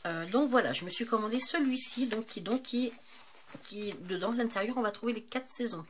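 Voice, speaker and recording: A woman's voice: on the high side, fairly quick. A woman chatting casually to her viewers about craft supplies. She talks in a loose, hesitant way and often stops on fillers. A faint hiss sits behind her voice. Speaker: craft vlogger. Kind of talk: casual show-and-tell chat.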